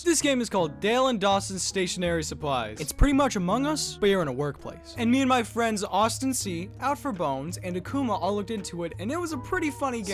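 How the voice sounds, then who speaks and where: Excitable high-voiced young gamer guy. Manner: excitable, goofy, quick to laugh. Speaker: gaming video host. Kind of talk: casual gaming chat with friends.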